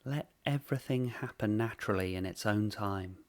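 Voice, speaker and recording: This is a man's low-leaning voice leading a meditation. He is soft and slow, offering short phrases and leaving long pauses.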